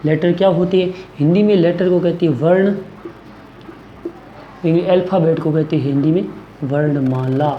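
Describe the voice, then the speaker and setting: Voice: medium pitch, steady tone, moderate pace, long pauses, roomy sound, lo-fi sound, slight background noise. A teacher giving a grammar lesson in a coaching classroom, who asks a question, answers it and repeats the key words.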